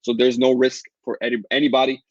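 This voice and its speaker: A man with a Latin American Spanish accent rattles through a live webinar Q&A, upbeat and pushy like a sales pitch. His voice is a little husky, and he talks quickly. The audio is dry and a bit muffled. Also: completely flat delivery, dry recording. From Caribbean. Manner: fast, upbeat sales pitch answering chat questions. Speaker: online course seller hosting a webinar.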